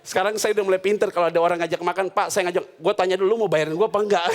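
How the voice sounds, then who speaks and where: A man's voice: high-pitched, slight background noise. A man preaching a humorous sermon as a pastor, telling funny stories and acting out the people in them. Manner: animated, jokes and voices quoted characters. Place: church hall.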